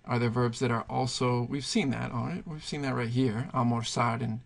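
Gravelly-voiced man teaching Spanish grammar. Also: mid-range voice, steady tone, moderate pace. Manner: patient, thinking aloud with fillers. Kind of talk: explaining grammar at a whiteboard.

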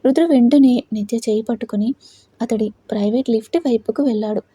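Husky dark-voiced woman narrating. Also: fairly high pitch, fairly quick. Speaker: storyteller. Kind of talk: scripted narration of an audio story.

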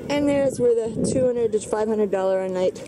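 A woman's voice: a little high, normal speed, heavy background noise. A woman vlogging casually as she walks along a sunny beach, chatty and enthusiastic, pointing things out as she goes. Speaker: travel vlogger. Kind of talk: casual walking-tour narration. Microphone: handheld camera while walking. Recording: outdoor beach recording with loud waves. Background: loud surf and waves.

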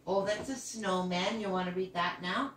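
A woman's voice: mid-range voice, fairly even intonation, normal speed, fairly bright tone. A sweet older woman, a grandmother, talking playfully and encouragingly as she reads and counts with a toddler. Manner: sweet, playful baby-talk encouragement with gasps of wonder. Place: living room, indoors. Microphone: camera a few meters away. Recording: roomy, distant microphone, some background noise.

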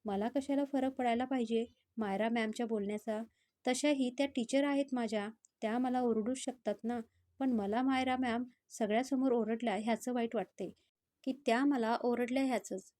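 A woman's voice: fairly high pitch, steady tone, moderate pace, dark tone, dry recording, close to an everyday voice. A woman voicing a moody young male student. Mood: brooding. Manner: musing to himself.

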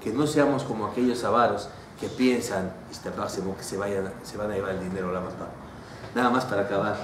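A man, a rabbi, telling stories in a sermon to a class, animated and acting out characters. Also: fairly low pitch, brisk. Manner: animated, switches into character voices. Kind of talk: storytelling sermon. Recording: roomy hall, distant mic, faint noise.

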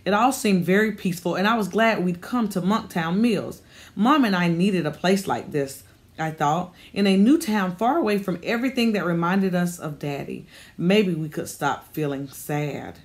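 A woman with a fairly low voice narrates an audiobook, her storytelling calm and even. She reads steadily, letting the scene unfold without hurry. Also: moderate pace. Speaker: audiobook reader.

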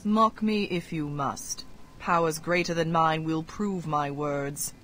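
A woman voicing an arrogant, cold female Red Wizard in a fantasy game, speaking in measured threats. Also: low-pitched, a bit bright, a little hiss or hum. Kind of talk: game voice acting.

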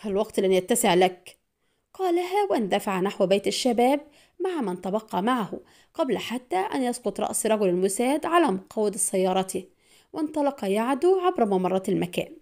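A woman narrating an audiobook spy thriller in a brisk, dramatic storytelling manner. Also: fairly high pitch, sing-song, a little mellow.

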